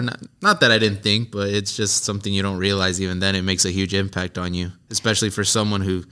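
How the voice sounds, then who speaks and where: A man's voice: on the low side, bright, forceful tone, clear, resonant tone. An American man, an actor talking casually and reflectively as an interview guest in a theater. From California, USA.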